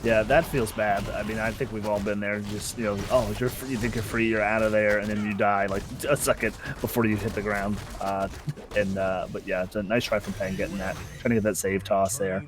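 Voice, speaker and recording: A man's voice: on the low side, little pitch movement, a little fast, background noise. Laid-back man doing esports color commentary. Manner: loose and chatty with many fillers. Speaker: esports co-caster.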